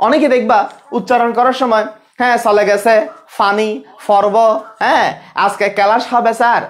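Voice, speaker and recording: A man's voice: very high-pitched, level tone, normal speed. A man from Bangladesh teaching a live online biology class, talking casually, asking questions and answering them himself, repeating key points.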